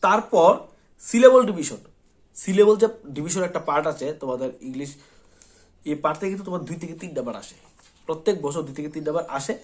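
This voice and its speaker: A man's voice: fairly high pitch, lively intonation, quick pace. A man teaching an exam-prep lesson, repeating points and often checking in with his students. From Tripura, India. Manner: repetitive, reassuring, checks in often with "thik ache".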